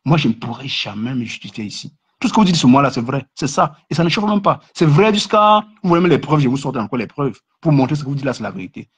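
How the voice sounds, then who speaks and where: A man's voice: big pitch swings, fast, few pauses, breathy edge. A man ranting and mocking other creators on a casual live stream, repeating himself and stammering through restarts. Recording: muffled low-fidelity live stream.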